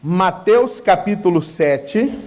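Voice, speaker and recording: A Brazilian woman preaching a sermon who keeps asking the congregation questions and pausing for their answers. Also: on the low side, animated, darkish tone. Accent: Brazilian Portuguese. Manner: asks the congregation rhetorical questions and leaves gaps for them to answer; fervent and emphatic.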